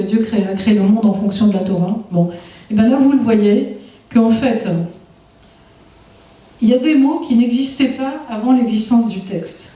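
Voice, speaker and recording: A woman delivers a public lecture, her mellow, fairly high voice drawing the audience in with constant questions. She sounds distant from the microphone in a very echoey hall. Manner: engaging, asks the audience frequent rhetorical questions. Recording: echoey hall, far from mic.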